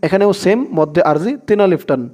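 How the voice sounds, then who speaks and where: High-voiced Bengali Quran teacher. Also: male voice, darkish tone. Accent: Bangladeshi Bengali. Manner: slow drawn-out chanting of verses between brisk explanations. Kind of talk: spelling-out recitation lesson.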